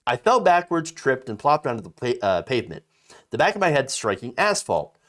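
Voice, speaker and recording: A man's voice: mid-range voice, sing-song, fairly quick, a bit bright. A man in his thirties giving emphatic political commentary, reading out a story and reacting to it, with frequent fillers and restarts. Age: 30s.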